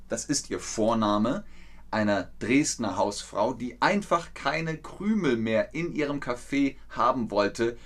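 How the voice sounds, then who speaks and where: A man teaching an online German lesson to learners, speaking slowly and clearly, repeating words and quizzing his viewers. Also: medium pitch. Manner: lively, with quiz questions to viewers.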